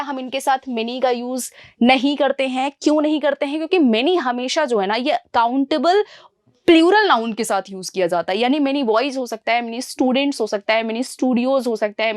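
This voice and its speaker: A young woman runs an exam-prep grammar class in a fairly high voice. She calls her students "beta" and "guys" and answers her own questions. The sound is dry and close, with no room echo. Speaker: English teacher.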